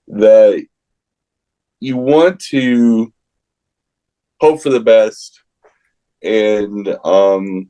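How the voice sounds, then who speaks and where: A man with a gravelly voice hosting a casual chat show in a folksy, halting way. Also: mid-range voice, dark tone, poor audio. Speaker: show host.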